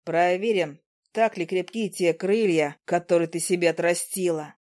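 A woman voicing a spiteful young man, an ex-boyfriend who jeers and sneers in a slow, lowered voice. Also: steady tone, a little mellow, natural voice. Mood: sneering. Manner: sneering and mocking.

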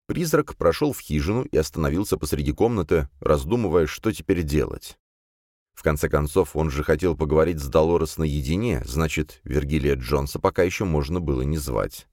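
A man reading a novel aloud as an audiobook narrator, in measured, expressive storytelling. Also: rumbling low, dry recording, studio quality. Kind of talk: scripted narration.

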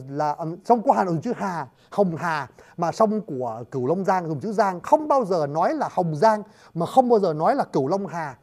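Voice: medium pitch, darkish tone. Chatty lecturer spelling words aloud. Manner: addresses listeners often, spells words letter by letter. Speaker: lecturer on word origins. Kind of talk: casual spoken lecture.

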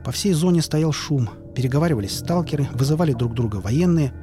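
A man's voice: fairly high pitch, expressive, fast, warm tone. Man narrating an audiobook over music. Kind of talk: scripted narration.

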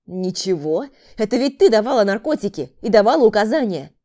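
A woman's voice: mid-range voice, big pitch swings, a little fast, darkish tone, natural voice. A woman voicing a brutal male killer in an audiobook, harsh and barking insults at his sister. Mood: angry. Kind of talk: audiobook character voice.

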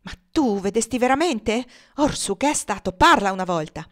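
A woman reading the part of a brutal, superstitious slave-owner man who blusters and curses loudly. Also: medium pitch, animated, brisk, lightly acted. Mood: blustering. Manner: blustering, loud and cursing.

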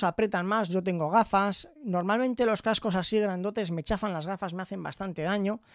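A man from Zaragoza, Spain, chatting casually into a studio microphone as he reviews his headphones, often tagging his phrases with a quick question. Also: high voice, clear, resonant tone, no echo. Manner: chatty, tags phrases with "¿vale?". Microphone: studio microphone in front of him.

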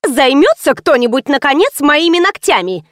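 A woman's voice: sits high, sing-song, normal speed, fairly bright tone, no room sound, studio quality, pitched above the performer's own voice. A woman voicing a capricious, demanding female client who scolds shrilly and indignantly in an audiobook.

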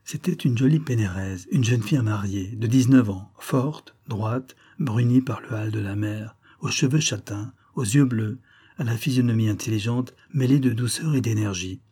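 Husky, dark-voiced male audiobook reader. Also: lowish voice, normal speed. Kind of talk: audiobook narration of a classic novel.

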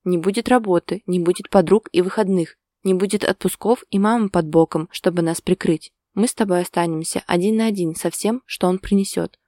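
Brief: a woman doing a worn-out, evasive boyfriend, low and dark, grumbling with dry sarcasm. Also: fairly quick, hardly any pauses, no echo, natural voice. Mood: tired, irritated. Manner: tired, sarcastic. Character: weary grumbling young man, evasive partner.

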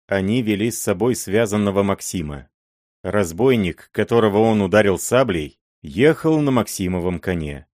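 A man narrating classic prose in an expressive, dramatic storytelling way on a close mic. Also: on the low side, moderate pace, no room sound. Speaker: audiobook narrator. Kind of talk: audiobook reading of classic prose.

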